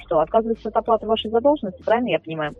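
A woman's voice: fairly high pitch, lively intonation, rapid-fire. A woman debt collector on the phone, rattling off a scripted, officious speech. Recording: tinny phone line.

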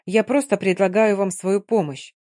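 A woman's voice: mid-range voice, steady tone, normal speed, mellow, no echo, clean studio sound, lightly acted. A woman voicing an officer in love who speaks insistently and presses for an answer. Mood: pleading. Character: earnest officer in love, man.

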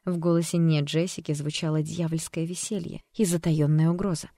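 A reader narrating an audiobook in an even, measured way. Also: medium pitch, no room sound, studio quality.

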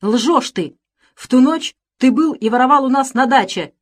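A woman voicing a furious, hot-tempered gentleman who shouts in indignation. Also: a little high, animated, normal speed, pitched above the performer's own voice.

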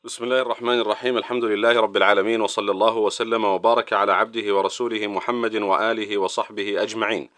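A man's voice: lowish voice, level tone, rapid-fire, few pauses, a bit bright, no room sound. A man hosting a programme, presenting and reading aloud in formal Standard Arabic. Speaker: programme host.

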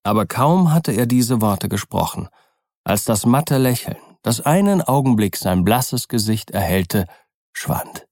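Slow, low-voiced male audiobook narrator. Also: no room sound, studio quality. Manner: measured, even storytelling.

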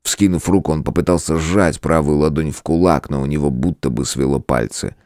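A male audiobook narrator with an extremely deep, low voice who tells the story in a measured, dramatic way. The sound is dry and close to the mic, with no room around it. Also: a little mellow, dry recording.

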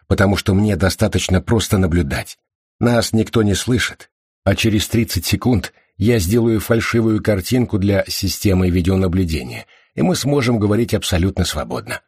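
A man's voice: low voice, darkish tone, husky, no room sound, studio quality. A man voicing a sly, evasive young male hacker in an audiobook, with a smug, teasing manner. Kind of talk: audiobook character voice.

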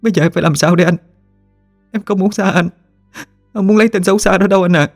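A man's voice: high-pitched, fast talker, creaky, dry recording, studio quality, soft background music, voice pushed up. A man voicing a frightened young village woman who pleads through tears. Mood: tearful pleading. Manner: pleading, sobbing.

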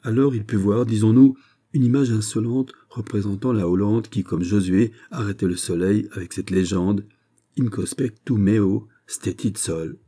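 A male audiobook reader delivers scripted narration in a deep, dark, husky voice. His reading is measured and steady throughout.

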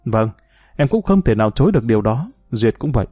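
A man uses his own mellow, dry, mid-range voice to play a hurt, bitter young woman who was once married, pleading as he speaks. His pitch swings widely, the pace is quick, and there is no echo.

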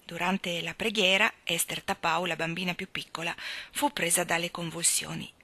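Woman reading a story, measured and expressive, bright voice, dry sound. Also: fairly low pitch, no room sound. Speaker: audiobook reader. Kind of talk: scripted narration.

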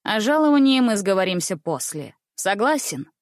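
Female reader doing a laughing, bossy stout circus director; storybook, mid pitch. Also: sing-song, moderate pace, dry recording, clean studio sound, close to an everyday voice. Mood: businesslike. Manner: laughing, genial, commanding.

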